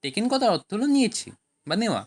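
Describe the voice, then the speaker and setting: Woman teaching translation with lively pitch. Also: fast, breathy edge. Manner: reads each sentence in Bengali, then English, then explains. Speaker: language teacher. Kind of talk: scripted translation lesson.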